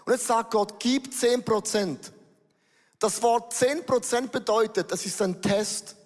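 Man, pastor, lively sermon, English phrases sprinkled in, long hall echo. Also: very high-pitched, a little slow.

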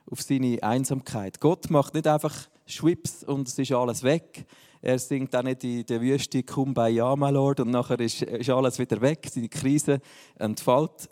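A man's voice: medium pitch, warm tone, in a large hall. A man, preaching a sermon in a casual, joking style. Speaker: pastor.

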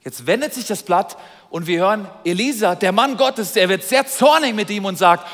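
Man, preacher, sermon storytelling, animated, slightly high voice, long hall reverb. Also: normal speed. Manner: animated, retells scripture with vivid asides.

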